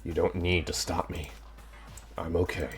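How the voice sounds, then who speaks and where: A man voicing a stern, powerful young woman in a visual novel reading, speaking gravely. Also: deep voice, flat delivery, faint music behind, voice pushed down. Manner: grave, measured.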